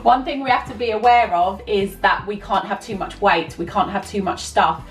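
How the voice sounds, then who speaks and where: A woman's voice: medium pitch, normal speed. A woman vlogger casually explaining things. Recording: roomy, distant microphone, music behind.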